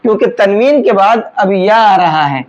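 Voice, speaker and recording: A Quran recitation teacher giving a tajweed lesson, explaining each rule patiently step by step and breaking into slow, drawn-out chanted recitation of single words. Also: mid-range voice, expressive, a little mellow, dull audio.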